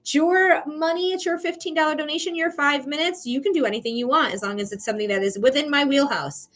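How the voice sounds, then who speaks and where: Fast and a bit bright, her high voice carries a casual livestream where she does psychic readings. She's a bubbly talker from Michigan, United States, with the accent to match, and she laughs a lot as she speaks to viewers.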